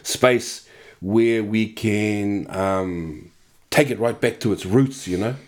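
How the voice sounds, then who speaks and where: A man's voice: lowish voice, slow. A middle-aged man with a New Zealand accent, talking candidly and bluntly as an interview guest, swearing freely. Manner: blunt, sweary, punctuated with "you know" and "man". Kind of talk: casual, candid conversation.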